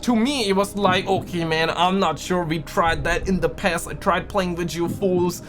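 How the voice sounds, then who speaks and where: A man's voice: high-pitched, normal speed, noisy background. A man giving casual reaction commentary as a gaming streamer, slangy and emphatic, often repeating his phrases. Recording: faint music behind. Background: music.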